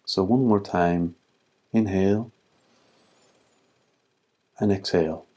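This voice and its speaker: The teacher's voice sits low as he leads a guided meditation, and he speaks calmly, in measured phrases, with long pauses throughout.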